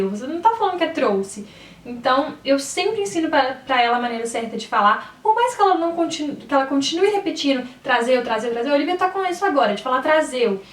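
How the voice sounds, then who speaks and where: Young Brazilian mom vlogger, chatty, roomy echo, mic a bit far off. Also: female voice, sits high. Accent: Brazilian Portuguese. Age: 20s. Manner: chatty, keeps checking in with "sabe?". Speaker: mother giving parenting tips. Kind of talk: casual advice vlog.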